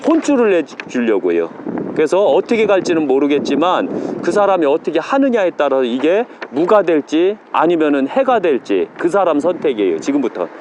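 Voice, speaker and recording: A man in a casual vlog, lecturing and scolding commenters in a preachy way, sometimes dropping to a deliberately low register. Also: background noise. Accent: regional Korean dialect, usually. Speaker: YouTuber pharmacist-mystic. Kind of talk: casual vlog talk to camera. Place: outdoors and inside a police station.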